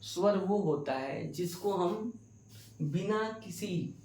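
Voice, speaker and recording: A man's voice: high voice, animated, slow pace, darkish tone. A man teaching a grammar lesson for exam preparation, asking questions and answering them himself while stretching out key words. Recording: echoey room, distant mic.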